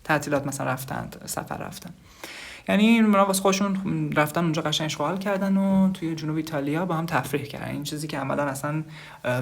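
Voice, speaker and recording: A Persian-speaking language teacher runs a casual online lesson in a gravelly, mid-range voice. She reads short phrases aloud, then explains each one at length, addressing her students as "kids."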